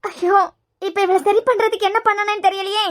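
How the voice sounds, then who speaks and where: A woman voices an overwrought young man in a cartoon web series, his voice pitched extremely high and thin. He wails and frets melodramatically, with a Kanyakumari Tamil lilt. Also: little pitch movement, fairly quick. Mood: fretting. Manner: wailing, melodramatic.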